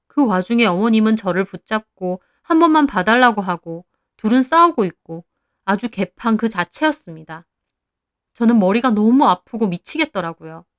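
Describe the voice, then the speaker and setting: Woman narrator, calm, measured, first-person story, dry sound. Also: medium pitch, no room sound.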